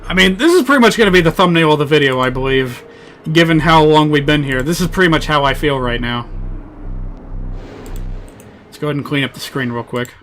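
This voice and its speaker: A man's voice: on the high side, expressive, a little fast, long pauses, a bit bright, a little hiss or hum. A man doing casual live game commentary as a streamer, in a wry, rambling way.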